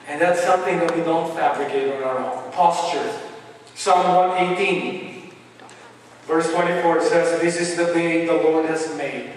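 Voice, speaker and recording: A man preaching a sermon as pastor, telling a story from his week in an animated way. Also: a little high, a little slow, slight background noise. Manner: storytelling, animated when retelling quarrels. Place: church hall. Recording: echoey church hall from far off.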